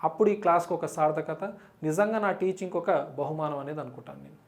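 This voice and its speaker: Telugu-accented woman teaching English grammar. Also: low-pitched. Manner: explains in Telugu mixed with English, reads questions slowly. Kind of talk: exam-prep lesson.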